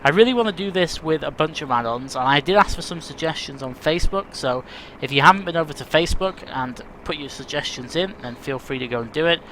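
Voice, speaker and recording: A man's voice: fairly high pitch, lively intonation, quick pace, bright, forceful tone. A man hosting his flight simulator video, talking casually to viewers in a chatty, self-deprecating, rambling way. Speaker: flight sim video host. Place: home room with rain and birds heard outside. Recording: faint rain and outdoor noise behind. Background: rain and birdsong.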